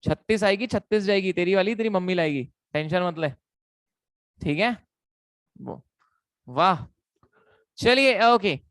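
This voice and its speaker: A man's voice: sits high, expressive, measured pace, pauses often, a bit bright, no echo. A young man giving an online lecture, playful and teasing, repeating himself often. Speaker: teacher.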